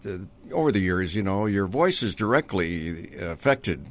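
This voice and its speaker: In an interview, an older man from Minnesota, a retired radio announcer, reminisces in a rambling way, full of ums, uhs, and chuckles. His voice is low-pitched with big pitch swings and a slightly slow pace.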